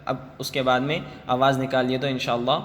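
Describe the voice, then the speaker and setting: A man teaching children Quran letters with tajweed. He chants each letter slowly and drawn out, then explains it quickly. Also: medium pitch, monotone, fairly bright tone. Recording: long reverb, faint music.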